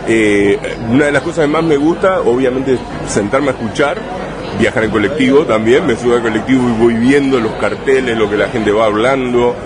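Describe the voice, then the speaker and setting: This Rosario-born writer, speaking Rosario Argentine Spanish at a medium pitch, answers interview questions in a loose, conversational way. His speech is reflective and hesitant, full of restarts and tag questions. Around him, a crowded bar hums with chatter while vehicles pass on the street outside.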